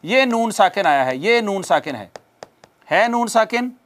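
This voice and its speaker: A man's voice: high-pitched, sing-song, unhurried, fairly bright tone. A male Quran recitation teacher giving a lesson, patiently repeating rules, asking questions and answering them himself, and drawing out Arabic example words.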